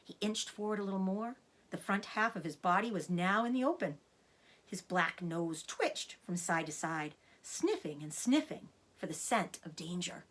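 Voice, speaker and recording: A woman's voice: fairly low pitch, animated, normal speed, fairly bright tone. A woman reading a children's story aloud like a teacher, with dramatic, suspenseful narration.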